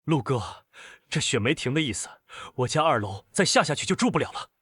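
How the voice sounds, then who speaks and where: A man's voice: fairly high pitch, sing-song, fairly quick, slightly rough. A man voicing anxious male neighbors who speak in a hesitant, pleading way. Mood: wheedling.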